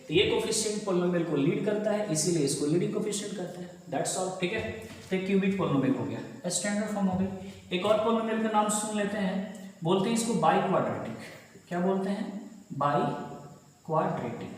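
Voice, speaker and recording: Man, math teacher, high voice, lecturing, quizzes the class and answers himself, very echoey room with a long reverb. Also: a little hiss or hum. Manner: asks students questions then answers them himself; mixes Hindi with English terms.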